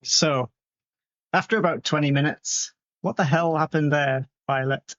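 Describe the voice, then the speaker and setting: Give me a man running a tabletop game, slow and halting, on a dry, muffled call. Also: fairly high pitch, fairly even intonation, fairly bright tone, no room sound. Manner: unhurried, with many ums and pauses. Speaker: game master.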